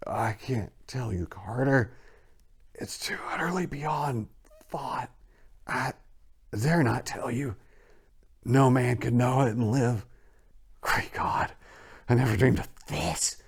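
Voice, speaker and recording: A man voicing a terrified, desperate man in a horror story reading, with a shaky, hoarse voice and frantic, pleading delivery. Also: medium pitch, takes it slowly, long pauses, voice pushed up, heavily acted. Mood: horrified whisper. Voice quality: shaky, hoarse, whispery to shrieking. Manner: frantic, breathless exclamations and urgent pleading. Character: terrified, desperate man calling from a tomb below.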